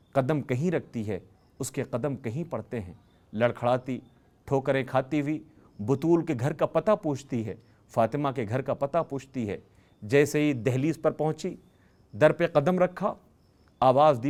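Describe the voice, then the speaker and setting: A man's voice: medium pitch, darkish tone. A man giving an emotional religious sermon, telling a story with dramatic rises on key phrases. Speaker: religious speaker.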